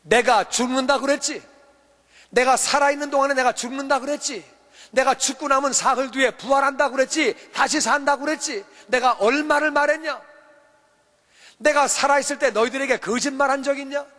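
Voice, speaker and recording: A preacher voicing a stern scolding teacher. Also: male voice, extremely high pitch, moderate pace, a bit bright, big-room sound. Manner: scolding with repeated rhetorical questions. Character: stern male teacher scolding his followers.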